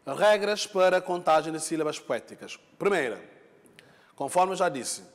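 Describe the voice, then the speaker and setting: A man's voice: on the high side, expressive, moderate pace, in a large hall. A male teacher giving a lesson, explaining patiently, repeating points, and checking in with his students. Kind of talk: classroom lesson.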